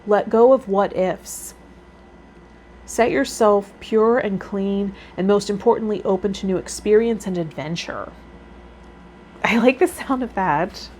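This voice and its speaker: Speaking a little slowly, a woman with a medium-pitched, darkish voice hosts a tarot vlog series as a vlogger and healer. She reads card meanings out loud, adds laid-back commentary of her own, and there's noticeable background noise.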